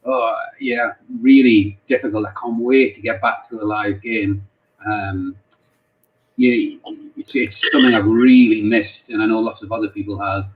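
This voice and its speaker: Speaking in a lowish, steady tone, this man is a football club chaplain from North East England answering interview questions casually. The call audio sounds tinny and phone-like, and his delivery is halting, with frequent repeated words.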